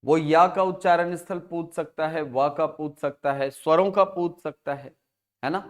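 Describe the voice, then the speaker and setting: A man's voice: a little high, unhurried. A man teaching an exam-prep class, explaining step by step and asking and answering his own questions, with a Chhattisgarh Hindi accent. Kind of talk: classroom lecture.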